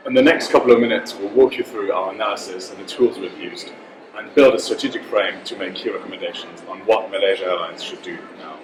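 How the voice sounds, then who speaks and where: A man's voice: low-pitched, fast. A man with French and German roots giving a team case presentation, methodically listing points. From France and Germany. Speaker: student presenter. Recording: echoey room from a distance with background noise.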